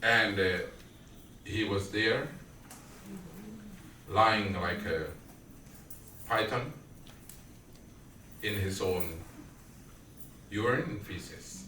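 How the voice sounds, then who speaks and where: A Guyanese man delivers an unhurried devotional sermon in a bright, forceful voice, pausing to put questions to his listeners. He is heard from some distance in an echoey room with a faint hum behind him. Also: fairly low pitch. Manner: slow storytelling with questions to the audience. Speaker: satsang speaker. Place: indoor family prayer gathering.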